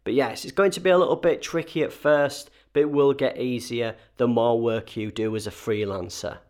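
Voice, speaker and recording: A man's voice: mid-range voice, steady tone, normal speed, darkish tone. Male host, slightly wheezy, congested chest from a cold, conversational advice, emphatic delivery. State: recovering from a cold and chest infection. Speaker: host advising freelancers. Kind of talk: solo advice episode, conversational.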